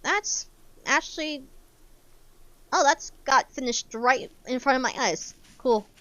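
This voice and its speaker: A young woman with a squeaky, childlike voice chatting casually while streaming a game, rambling with lots of fillers and restarts. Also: slow pace, sharp tone, no echo. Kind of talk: casual chat while gaming.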